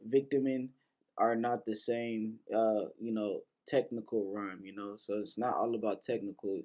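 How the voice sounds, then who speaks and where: A man's voice: fairly low pitch, mellow. A man hosting a casual lesson that breaks down rap lyrics, talking loosely with lots of fillers, restarts and casual swearing. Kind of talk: casual explanatory commentary.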